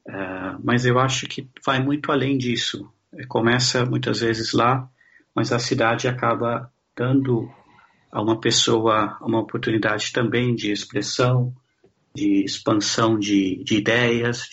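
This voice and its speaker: Man from Brazil, husky voice, muffled lo-fi sound; measured interview guest who pauses and restarts mid-thought. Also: mid-range voice, a bit bright. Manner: thoughtful, halting, many restarts. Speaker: guest social scientist. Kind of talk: conversational interview answers.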